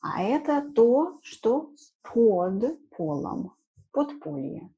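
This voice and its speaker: A woman in her thirties gives an informal language lesson in a small room at home, using simple words, repeating key terms and slipping in short check questions. Her voice is a little high and husky with a dark tone, swinging widely in pitch while she speaks extremely slowly. The audio sounds dull.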